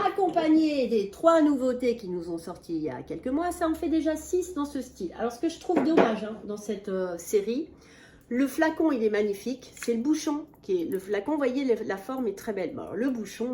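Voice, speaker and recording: A woman's voice: on the high side, darkish tone, a little hiss or hum. Chatty woman vlogger reviewing perfumes. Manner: chatty and enthusiastic, many fillers and restarts, addresses viewers as friends. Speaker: beauty vlogger. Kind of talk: casual product review vlog. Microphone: camera mic at a small table.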